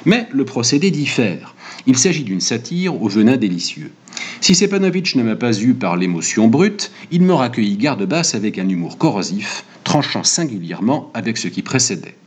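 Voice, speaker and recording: A man reading his book review aloud in a wry, animated way. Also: medium pitch, normal speed, husky.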